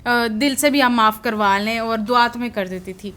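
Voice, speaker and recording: High-voiced woman telling her story. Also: bright, forceful tone. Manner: rambling and hesitant, with many restarts and fillers. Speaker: office worker sharing a personal testimony. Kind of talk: casual spoken testimony in a prayer session.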